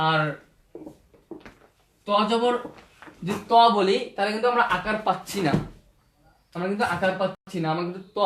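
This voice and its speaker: Man, high voice, slow repetitive letter drills, Quran reading teacher, echoey room. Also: fairly bright tone. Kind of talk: spoken lesson on Arabic letter sounds.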